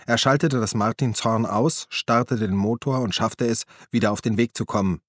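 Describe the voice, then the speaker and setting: A male narrator reading a thriller aloud in a steady, measured way. His voice is low and recorded close on a studio mic, completely dry with no room sound. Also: no echo. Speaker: audiobook narrator. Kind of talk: scripted narration.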